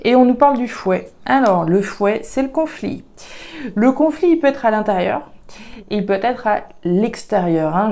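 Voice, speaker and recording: A tarot and oracle card reader with a regional French accent does a casual reading for viewers, thinking out loud with lots of fillers and restarts. Her voice is mellow and medium in pitch.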